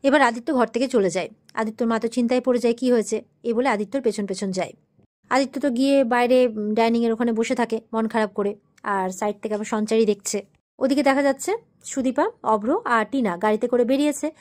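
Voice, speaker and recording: A woman's voice: a little high, fairly even intonation, fast talker, darkish tone. A woman retelling a TV serial episode, reading every character's lines in her own voice. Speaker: TV serial recap narrator. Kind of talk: fast storytelling recap.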